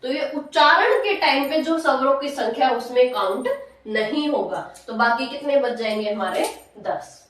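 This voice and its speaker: A woman's voice: high voice, moderate pace, fairly bright tone. A woman teaching a Hindi grammar class, asking her students questions and answering them herself, drawing out syllables and repeating key points. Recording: echoey room, voice from far off.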